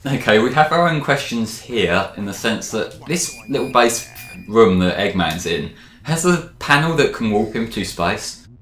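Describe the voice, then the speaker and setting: A man's voice: lowish voice, expressive, measured pace, fairly bright tone, echoey room, faint music behind. A man giving casual commentary on a video game with a co-host, rambling with lots of fillers and frequent laughs. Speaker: let's play commentator.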